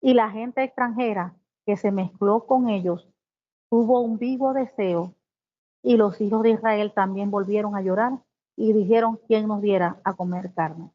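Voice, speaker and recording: A woman giving a devotional Bible teaching, reading scripture slowly and then explaining it with exclamations. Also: a little high, steady tone. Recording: tinny phone-like sound.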